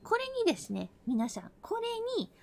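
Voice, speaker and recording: A woman from the American South giving a casual live-streamed English lesson, playful and breaking into mock-angry rough slang. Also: fairly high pitch, wildly swooping pitch, normal speed, a little mellow.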